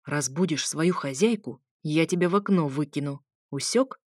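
A woman's voice: sits low, moderate pace, a little mellow, dry recording, studio quality. A woman voicing a sardonic, jealous young man who needles his ex with mocking, irritable remarks. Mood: threatening.

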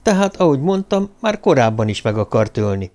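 A man's voice: medium pitch, sing-song, a little mellow, lightly acted. A male audiobook reader voicing a defiant young man who accuses his enemy in a raised, heated voice. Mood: heated accusing.

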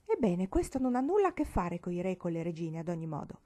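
Una donna che legge dà voce a una bambina prepotente e sfacciata, con tono canzonatorio e saccente. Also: female voice, lowish voice, sing-song, fast, mellow. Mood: bossy. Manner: teasing, self-important. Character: bossy cheeky little girl. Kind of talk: audiobook reading.

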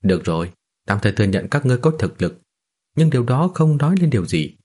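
A man's voice: medium pitch, very animated, quick pace, darkish tone, husky, voice pushed up. A man voicing a proud, arrogant ancient male immortal in a fantasy audiobook, speaking coldly and haughtily. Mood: haughty.

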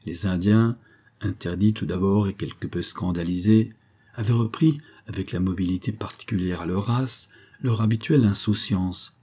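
A man reads a classic adventure novel aloud in a measured, steady narration. His voice sits low and carries a husky, breathy grain. The tone is dark and mellow. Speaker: audiobook narrator.

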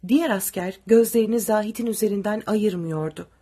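A woman narrating an audiobook with steady, dramatic storytelling. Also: medium pitch, a little fast, breathy edge.

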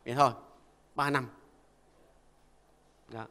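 A man's voice: medium pitch, fairly even intonation, slow, bright, forceful tone. Older man, Buddhist monk, folksy sermon, keeps asking listeners to agree, long hall reverb. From Vietnam. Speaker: Buddhist monk giving a dharma talk. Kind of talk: conversational sermon.

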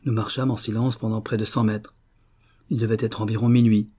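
A man narrating an audiobook in a steady, measured storytelling manner. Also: on the low side, slightly rough.

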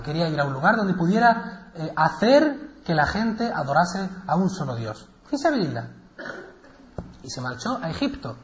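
A man delivers a religious lecture as lively storytelling. His high voice swings widely and he laughs between phrases. The recording sounds roomy and a little dull. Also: a little hiss or hum.

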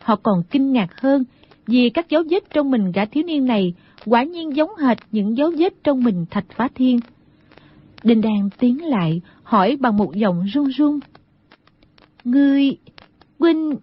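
A woman reads a novel aloud in steady scripted narration. Her voice sits a little high and sounds husky. The recording is dull and lo-fi. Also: unhurried. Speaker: audiobook narrator. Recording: dull lo-fi audio.

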